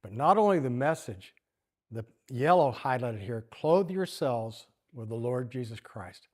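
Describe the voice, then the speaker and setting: A man's voice: medium pitch, lively intonation, measured pace, darkish tone. Man telling a church story. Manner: conversational storytelling, asks the room questions; reads passages aloud. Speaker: church teacher. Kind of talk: sermon.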